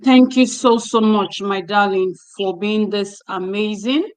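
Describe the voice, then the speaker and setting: A woman's voice: medium pitch, unhurried, rough recording. A woman hosting a youth ministry livestream, exhorting young women in a preacherly, repetitive way while holding a phone. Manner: exhortative, preacherly, repeating phrases. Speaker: host. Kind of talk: closing remarks on a livestream. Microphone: phone held in hand.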